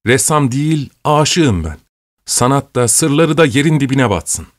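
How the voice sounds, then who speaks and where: A man voicing an excitable young painter, passionate and breathless with joy, in a storybook reading. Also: mid-range voice, unhurried, no room sound, clean studio sound, pitched above the performer's own voice, lightly acted. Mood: impassioned.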